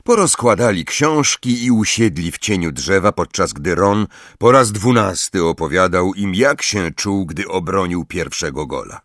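A man narrating an audiobook in a measured, expressive way. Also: sits low, no room sound, studio quality. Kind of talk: scripted narration.

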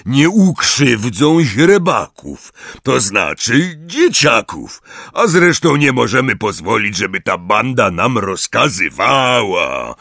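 A hulking, blunt half-giant gamekeeper barks his words as a male narrator puts him on, loud and gruff with a raised voice. The delivery is slow and swings widely in pitch. The sound is dry and close, as in a storybook recording. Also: big pitch swings, no echo, heavily acted.

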